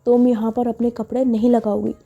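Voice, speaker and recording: A woman's voice: fairly high pitch, little pitch movement, fairly quick, gravelly, dark tone, dull audio. A woman voicing an indignant young woman who refers to herself as 'we' and fiercely guards her room.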